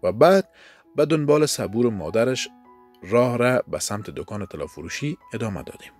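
A man with an Afghan Dari accent narrating a first-person story in a calm, measured reading. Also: mid-range voice, soft background music.

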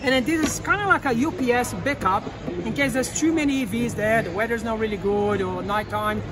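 A man in his thirties, hosting his channel in an indoor expo hall, talking excitedly in loose, rapid phrases. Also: very high voice. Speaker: channel host. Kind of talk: casual expo walkthrough. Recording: crowd noise behind.

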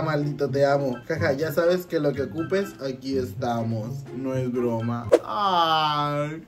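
A man with a Mexican accent in a casual vlog, reading chat messages aloud in a playful, giggly, teasing way. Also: on the high side. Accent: Mexican Spanish. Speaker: vlogger. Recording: background music under the voice.

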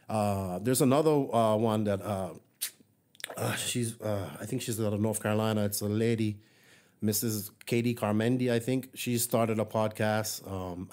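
In a solo hobby podcast, a Bermudian host speaks in a low, slightly mellow voice. His monologue is casual and friendly but rambling, peppered with fillers and sentences he starts over.

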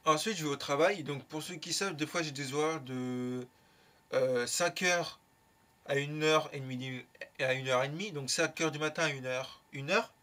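A young man telling a casual story in a lively, slangy way, with plenty of swearing. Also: a little high, moderate pace. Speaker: YouTuber.

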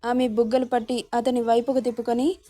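A woman narrating a serialized romance story in a steady reading voice. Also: fairly high pitch, brisk.

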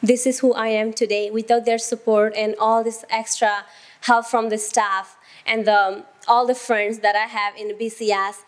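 Young woman with a Nepali accent, an even, level voice, giving a steady personal statement into a handheld mic. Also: fairly high pitch, moderate pace. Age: 20s. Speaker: college student.

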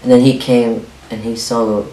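A young Arabic-speaking man records a confessional vlog in his small home kitchen, speaking softly with a halting, hesitant manner and frequent restarts. His voice sits at medium pitch with a flat delivery. The camera rests on a stand a few feet off, so the sound is roomy and distant with a faint hiss.

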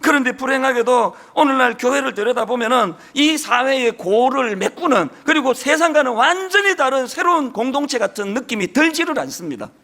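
A man's voice: very high-pitched, animated, brisk, few pauses, sharp tone. A middle-aged male pastor with a strong Gyeongsang Korean accent, preaching a sermon in an earnest, emphatic way. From Gyeongsang region, South Korea.

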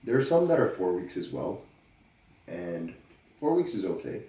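Stuffed up from a cold, a deep-voiced man hosts his own podcast solo, answering listener questions in a relaxed, joking way and thinking aloud with pauses. The recording is rough and reverberant, with the mic placed at a distance.

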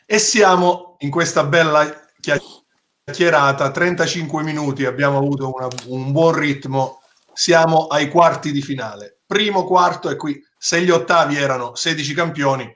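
A man hosting a relaxed chat, steering the talk and describing photos as he goes. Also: fairly high pitch, moderate pace. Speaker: host. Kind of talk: casual chat.

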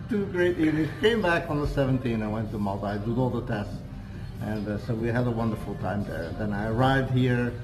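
A man's voice: mid-range voice, moderate pace, low-quality recording. Older Portuguese-accented man, music behind. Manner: rambling, frequent hesitations and restarts. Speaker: interview guest. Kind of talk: casual interview chat. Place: hotel cafe with large windows, indoors. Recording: music playing under the speech. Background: music in the background.

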